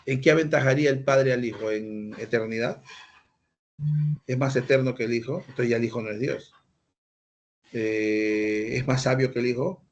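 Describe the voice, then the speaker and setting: A man's voice: mid-range voice, fairly even intonation, moderate pace, long pauses, lo-fi sound. A man preaching a sermon, teaching through rhetorical questions and acted-out quotes. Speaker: pastor.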